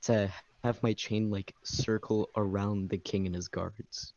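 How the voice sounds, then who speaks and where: A man with a low voice plays in a tabletop game, working out his moves aloud in halting, stop-start bursts. The recording is dry and a bit dull, with no room around the voice. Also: little pitch movement, darkish tone, no echo. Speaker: player. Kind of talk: casual game chat. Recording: dry, slightly dull mic.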